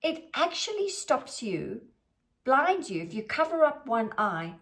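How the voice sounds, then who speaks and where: A woman money mindset coach giving a motivational talk to camera, with slow, emphatic, drawn-out phrasing. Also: sits high, very animated, a bit bright. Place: filming herself on camera.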